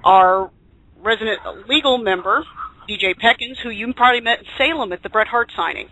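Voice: mid-range voice, a little fast, sharp tone, rough recording. A host of a live group talk show, chatting and introducing people with a showman's flourish.

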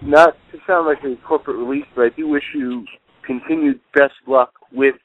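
A man's voice: mid-range voice, fairly even intonation, moderate pace, dry recording. A man calling in as a panelist on a casual group talk show. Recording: tinny dry phone line.

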